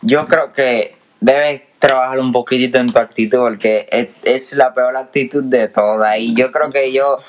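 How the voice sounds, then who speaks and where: A teenage man, co-hosting a podcast and complaining in an animated, exasperated way. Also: medium pitch, a little slow, few pauses, slight background noise. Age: teens. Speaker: podcast co-host. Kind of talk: casual chat.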